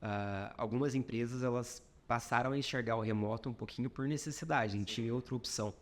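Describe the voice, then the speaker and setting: Brisk and mid-range in pitch, this man from Brazil carries a Minas Gerais accent of Brazilian Portuguese. Interviewed on a podcast as the founder of a company, he reflects aloud using short clauses and plenty of fillers.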